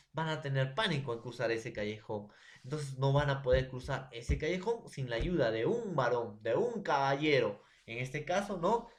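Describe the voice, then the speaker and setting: A Peruvian man with a Peruvian Spanish accent teaching a recorded school lesson, explaining slowly with a homely story and often checking in with his students. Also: medium pitch.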